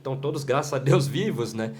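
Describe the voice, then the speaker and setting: A man's voice: medium pitch, brisk. São Paulo man telling stories in an echoey room. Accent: São Paulo Portuguese. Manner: relaxed storytelling with many "né" fillers. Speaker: guest, creative director and videomaker. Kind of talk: casual interview conversation. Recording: echoey room, distant mic, faint noise.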